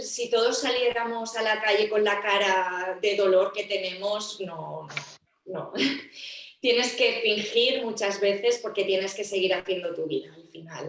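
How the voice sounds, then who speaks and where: A woman on a panel speaks reflectively and softly. She sits back from the microphone, so the room's echo surrounds her voice. Her pitch is middling. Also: takes it slowly. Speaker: panelist living with a rheumatic disease. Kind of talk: round-table discussion. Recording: echoey, distant from the mic.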